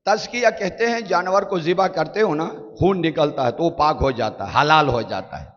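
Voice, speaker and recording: A man with a Pakistani Urdu accent preaches a sermon, his fairly high voice rising on slow, drawn-out Arabic verses. The sound is somewhat muffled and rings with the long reverb of a large hall. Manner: rhetorical questions, declaiming Arabic verses slowly.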